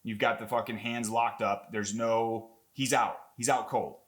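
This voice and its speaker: Young guy doing an mma breakdown, hyped and rambly, swears a bunch, middle-pitched voice. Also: measured pace. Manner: excitable, rambling, swears a lot, many fillers. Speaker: MMA content creator. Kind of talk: casual fight breakdown commentary.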